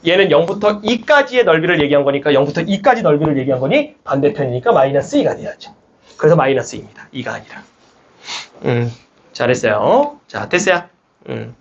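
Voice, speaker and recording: A man's voice: a little high, creaky, lo-fi sound, a little hiss or hum. A young man teaching a math academy class, coaxing and rallying his students through the lesson. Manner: lively, coaxing, rallies students with shouts. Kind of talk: classroom lecture. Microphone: speaker amplified mic.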